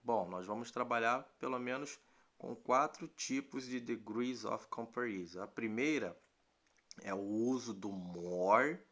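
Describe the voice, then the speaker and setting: A middle-aged Brazilian man teaching an English grammar lesson in Portuguese, patient, repeating points and often checking with a quick question. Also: medium pitch, fairly bright tone. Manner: slows down to spell out English terms. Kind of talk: recorded online grammar lesson.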